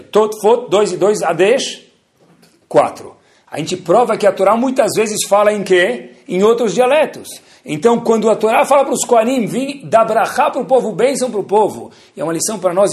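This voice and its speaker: A man's voice: high-pitched, darkish tone. A man giving a sermon-style Torah lesson, asking rhetorical questions and answering them himself. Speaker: rabbi teaching.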